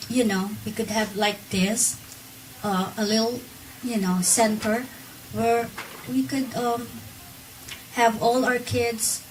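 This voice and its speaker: A middle-aged woman giving an unscripted installation speech, pausing often with ums. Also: medium pitch. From Philippines. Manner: hesitant, many ums, unscripted. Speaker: incoming board member. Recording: distant mic in a hall, faint noise.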